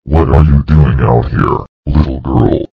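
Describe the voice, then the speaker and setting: Lady doing a big bad wolf, super low gravelly growl, hungry and mean. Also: steady tone, a little slow, no echo, lo-fi sound, heavily acted. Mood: menacing. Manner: roaring, threatening.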